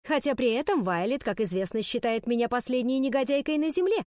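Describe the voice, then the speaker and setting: A woman's voice: on the high side, animated, fast, a little mellow, no room sound, clean studio sound, natural voice. A woman voicing a mocking schoolgirl with a cutting, taunting manner. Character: mocking, sharp-tongued schoolgirl.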